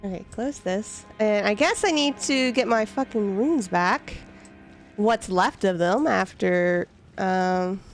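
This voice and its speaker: A young woman streaming a game, chatting casually and giggling to herself as she plays. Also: mid-range voice. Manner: giggly, chatty, talks to herself while playing. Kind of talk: casual gameplay commentary.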